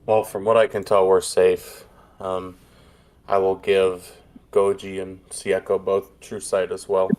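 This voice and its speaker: Man, somewhat deep voice, tabletop game player, casual chat. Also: monotone, a little slow, darkish tone.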